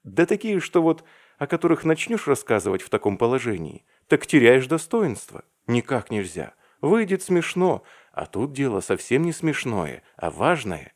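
A man's voice: medium pitch, very animated, normal speed, pitched above the performer's own voice. A man voicing a timid, earnest young male clerk who pleads and explains himself.

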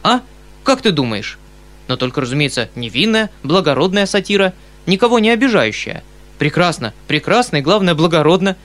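A man voicing an excitable, kindly middle-aged colonel who exclaims loudly and fusses eagerly, in an audiobook reading. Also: on the high side, fairly quick, pitched above the performer's own voice. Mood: excited. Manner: loud exclamations, eager and fussy.

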